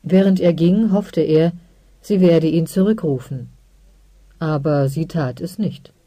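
A woman narrating a science fiction audiobook in a calm, measured way. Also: low-pitched, dry recording. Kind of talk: scripted narration.

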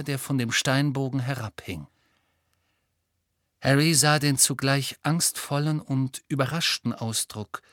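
A man's voice: medium pitch, a bit bright, no room sound, clean studio sound. A man narrating an audiobook in a dramatic storytelling manner.

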